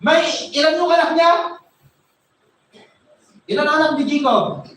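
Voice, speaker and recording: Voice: high voice, animated, unhurried, fairly bright tone. A preacher retelling a Bible story in a sermon, often repeating words while searching for a name and asking the listeners "right?". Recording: echoey room from far off, faint noise.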